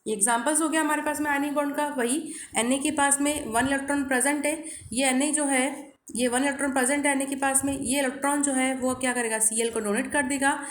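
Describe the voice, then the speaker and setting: A woman's voice: high-pitched, steady tone, a little fast, echoey room. A woman teaching chemistry with an Indian accent, mixing Hindi and English, asking questions and answering them herself. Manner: asks questions and answers them herself, repeats key terms; mixes Hindi and English, addresses students as children. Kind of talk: classroom lecture.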